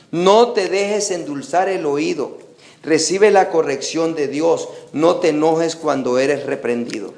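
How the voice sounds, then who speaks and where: A male pastor preaching a sermon, reading scripture slowly and then preaching with rising emphasis, sometimes mimicking other voices. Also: on the high side, darkish tone. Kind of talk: Pentecostal-style sermon. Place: church sanctuary. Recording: echoey church hall recording.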